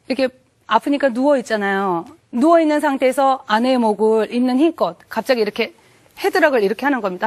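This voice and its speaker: A middle-aged woman gives a church testimony in a slightly high voice. She tells the story earnestly and vividly and acts out each scene as she goes. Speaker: testimony speaker.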